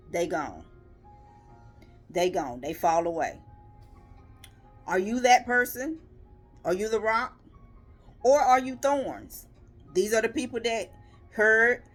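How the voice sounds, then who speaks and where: A woman's voice: on the high side, fairly bright tone. Woman preaching in rhythmic rhetorical questions. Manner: earnest, emphatic, building rhythmic lists. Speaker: lay preacher. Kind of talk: devotional video sermon.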